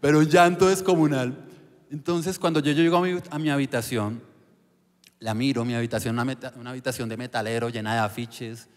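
A young man recounts his story before a church audience. He speaks earnestly, stumbling and restarting as he searches for words. His voice sits at an ordinary pitch and rings out in a large, reverberant hall. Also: steady tone. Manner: earnest, halting with frequent restarts. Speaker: panel guest giving testimony.

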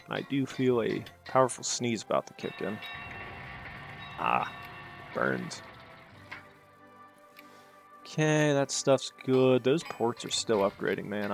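A man with a creaky, medium-pitched voice hosts his own gaming channel, thinking aloud as he plays a strategy game. He rambles casually and throws sarcastic asides at himself. English is his first language.

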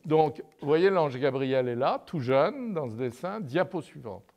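A male lecturer giving a university lecture over slides. He tells a story in a halting way and keeps adding "n'est-ce pas?". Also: on the high side, expressive, darkish tone. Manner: hesitant, with many "euh" and restarts. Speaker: lecturer in artistic anatomy. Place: lecture room, commenting on projected slides.

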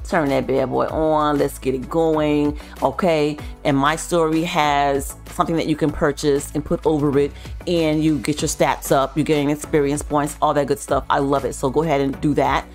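A woman vlogger giving a chatty home tour. She gushes with excitement, repeats herself for emphasis and tosses slangy asides to her viewers. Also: low voice, normal speed, soft background music. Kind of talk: casual chatty tour narration.

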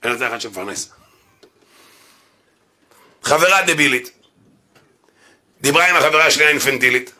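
A man, a rabbi, giving an animated Torah lecture in a synagogue, joking and acting out little quotes. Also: medium pitch, long pauses.

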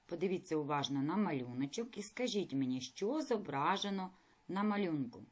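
A woman teacher leading a recorded reading lesson for fourth graders, addressing pupils directly with questions and praise. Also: on the low side. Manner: slow, clear classroom explaining with lively intonation. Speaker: primary school teacher.

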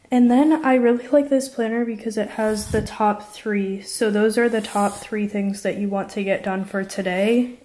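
A mellow, medium-pitched woman's voice: a twenty-something vlogger studying for a medical school entrance exam, chatting casually in her apartment living room. Her speech is loaded with fillers like "like" and "um."

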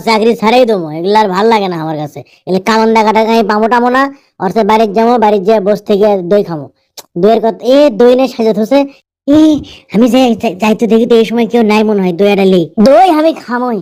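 Man voicing high-pitched whiny bumbling army recruit, Bogura accent. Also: quick pace, a little mellow, natural voice. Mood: scheming. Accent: Bogura, northern Bangladesh. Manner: muttering to himself, exclaiming. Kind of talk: comedy dubbing in dialect.

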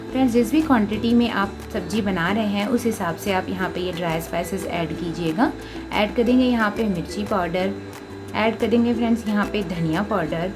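An Indian woman with a medium-pitched voice hosts a home cooking video, voicing over a recipe step by step. She instructs clearly and often addresses her listeners as friends, while background music plays prominently.

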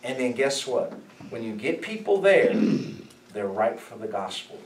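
A man preaching as a pastor, emphatic and animated, asking his listeners questions as he teaches. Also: medium pitch, a little slow, slight background noise. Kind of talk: sermon, Bible study teaching. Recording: echoey room, mic at a distance.

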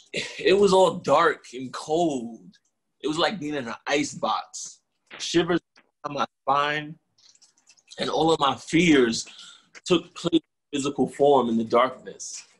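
A man acting Kari, a frightened parent searching for a lost daughter, recounting the experience slowly and with a haunted tone, in an amateur videoplay recorded over a video call. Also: on the high side, a bit bright, slightly rough, heavily acted.

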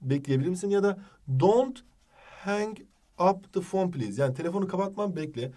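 A man teaching a jokey exam-prep lesson, with a Turkish accent, reading English phrases slowly. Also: high-pitched, animated, warm tone, far from the mic.

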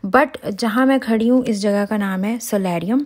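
A woman's voice: medium pitch, moderate pace. Chatty woman vlogging on a ship deck. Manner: chatty, excited, talks to viewers directly. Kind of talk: casual travel vlog narration. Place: outdoors on a cruise ship deck.

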